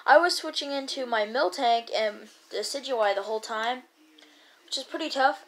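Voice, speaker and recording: A woman giving casual gameplay commentary as a YouTuber, rambling and chatty with excited bursts. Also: fairly high pitch, normal speed. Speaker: gaming YouTuber.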